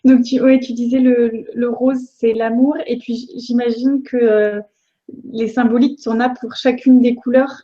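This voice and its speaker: Mellow-toned woman hosting, muffled sound. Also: on the high side, little pitch movement, normal speed. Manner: accommodating, recaps for the audience. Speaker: interviewer and host. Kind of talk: hosting a live Q&A interview.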